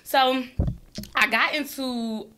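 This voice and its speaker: A bright, fairly high-voiced woman, chatting casually on a podcast. She tells her stories with animated energy and often laughs between lines. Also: slow, slight background noise. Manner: animated, laughing storyteller, acts out quoted friends. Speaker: podcast guest. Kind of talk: casual chat.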